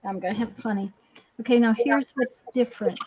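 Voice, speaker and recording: Echoing, higher-pitched woman giving a craft demo. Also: warm tone, slight background noise. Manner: halting, apologetic, folksy. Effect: strong distracting echo on the voice. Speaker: craft tutorial host. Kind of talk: casual live craft demonstration. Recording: dull lo-fi sound with bad echo.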